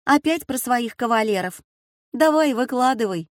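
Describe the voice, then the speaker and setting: A woman voicing a lively, teasing schoolgirl granddaughter in a storybook reading. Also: on the high side, dry recording, studio quality, voice pushed up, close to an everyday voice. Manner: quick, teasing and bright.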